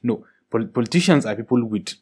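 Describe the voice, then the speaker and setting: A man's voice: mid-range voice, lively intonation, fast talker, a little mellow, breathy edge. A man with a Nigerian Hausa accent in casual discussion, mixing English with Hausa and leaning on repeated filler phrases.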